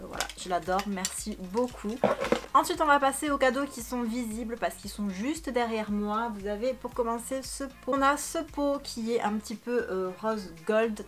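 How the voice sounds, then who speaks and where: A young woman vlogger chatting bubbly and self-mocking, with many fillers, into a studio microphone in her bedroom. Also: on the high side. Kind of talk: casual chat.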